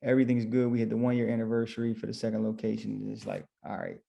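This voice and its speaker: A man's voice: lowish voice, monotone, very fast, vocal fry, dark tone. A man who owns barbershops, guest on a podcast, telling his story casually and retelling his own thoughts as quotes.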